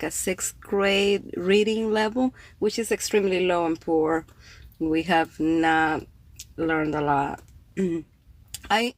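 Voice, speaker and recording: In a dry recording, a medium-pitched woman chats with livestream viewers, greeting them in a rambling, filler-heavy way. She's a Cuban poet and podcast host, a native Spanish speaker talking in English with a Cuban accent.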